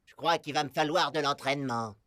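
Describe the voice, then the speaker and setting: A man's voice: fairly high pitch, brisk, noisy background, natural voice. A man voicing a vain, scheming cartoon villain posing as a heroic hedgehog, with a pompous, gloating and theatrical delivery. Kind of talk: animated series dubbing.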